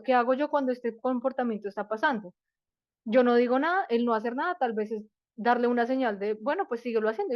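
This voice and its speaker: Speaking in a voice on the high side, this woman explains parenting concepts one step at a time during a live online workshop. Rhetorical questions and frequent fillers pepper her talk. There's no room sound, and the audio is dull, dry and lo-fi.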